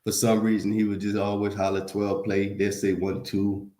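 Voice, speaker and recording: A man from Louisiana with a drawl hosts a livestream, chatting loosely with his viewers. His voice sits low and his speech is easygoing and full of slang. The room around him rings with echo. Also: completely flat delivery, normal speed, dark tone. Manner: laid-back, slangy, talks straight to viewers. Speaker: livestream host. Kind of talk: casual livestream chat reading comments.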